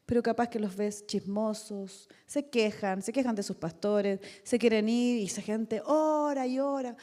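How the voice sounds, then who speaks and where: A woman's voice: fairly high pitch, a little slow, dark tone. A middle-aged woman preaching a sermon in a conversational way, asking many rhetorical questions and acting out little quotes. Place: church hall. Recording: long reverb of a large hall.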